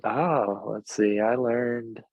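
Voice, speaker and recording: A man co-hosting a podcast in casual chat, easygoing and quick to laugh, talking over a remote call. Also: medium pitch, dry recording, narrow, tinny audio. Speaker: podcast co-host. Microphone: remote call mic.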